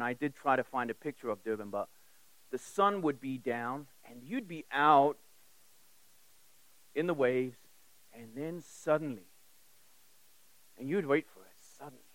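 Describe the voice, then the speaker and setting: This sermon comes from an English-born man who grew up in South Africa, speaking in a mid-range voice. He preaches with emphasis and a conversational tone, using direct questions, repetition, and personal anecdotes, though the echo-free audio is poor.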